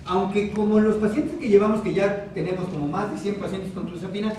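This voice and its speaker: Mexican male doctor lecturing in a hospital room, high voice, mic far off, heavy echo. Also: fairly even intonation, darkish tone, slight background noise. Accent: Mexican Spanish. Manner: asks the audience questions, repeats key terms slowly. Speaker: psychiatrist giving a talk. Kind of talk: psychoeducation lecture.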